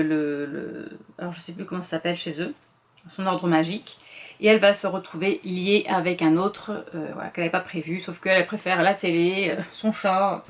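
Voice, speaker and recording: A woman's voice: mid-range voice, a little hiss or hum. A middle-aged woman presenting her reading list in a casual, rambling chat, full of fillers and self-corrections. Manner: quick talker, admits speaking too fast.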